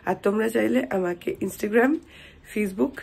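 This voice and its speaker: A woman vlogger with a Kolkata Bengali accent, hoarse from a cold, chatting softly and casually to her viewers. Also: medium pitch, unhurried. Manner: chatty, talks softly because of a sore throat. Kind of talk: casual daily vlog.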